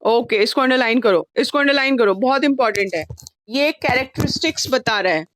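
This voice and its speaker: A woman's voice: fairly high pitch, animated, a little fast, a bit bright, no echo. Patient woman teaching an online class. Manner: patient, coaxing, calls students babu; mixes Hindi with English terms.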